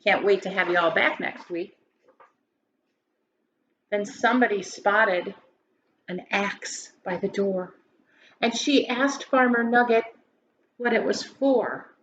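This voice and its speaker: A woman reads a children's story aloud like a grade school teacher, theatrical and emphatic, in a slightly bright, mid-range voice. She goes slowly and pauses often. The sound is dull, with roomy echo and faint noise.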